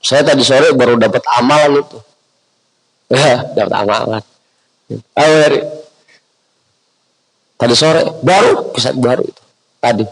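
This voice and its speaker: A man's voice: mid-range voice, a little slow, pauses often, breathy edge, low-quality recording. A man preaching informally to a prayer gathering, joking with listeners and spelling out Arabic letters. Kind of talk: informal religious study sermon.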